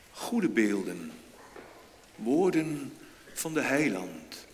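A male pastor preaching a sermon in a church, slow and deliberate, with sudden emphatic rises in pitch and volume. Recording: long church reverb, faint noise.

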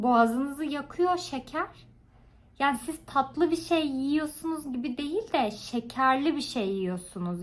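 A woman talking casually in a home vlog, chatty and rambling with informal asides. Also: on the high side. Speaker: vlogger. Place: at home, indoors.

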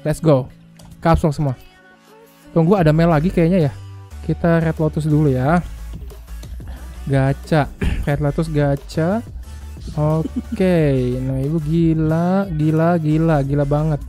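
A man's voice: a little high, steady tone, slow, pauses often, mellow, soft background music. A young man streaming a game live, chatting casually, joking and laughing often as he reacts. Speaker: gaming livestreamer.

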